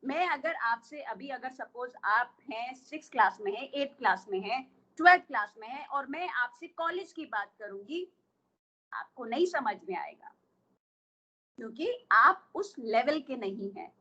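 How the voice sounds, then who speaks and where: A woman's voice: fairly high pitch, expressive, moderate pace, pushed and bright, slightly rough, dull audio. A woman coach with an Indian accent teaching an online workshop, explaining patiently and asking the listeners questions.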